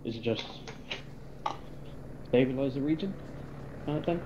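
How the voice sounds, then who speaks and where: A man's voice: medium pitch, normal speed, muffled recording, slight background noise. A man planning a squad move over gaming voice chat, thinking aloud in a hesitant, methodical way. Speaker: teammate planning the assault.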